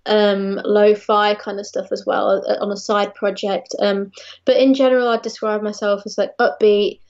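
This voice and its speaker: A singer-songwriter from England, who speaks with an English accent, answers interview questions over a call. She is friendly and chatty, laughs often, and uses fillers, and her voice is a little high with a darkish tone. The remote call audio sounds dull and lo-fi.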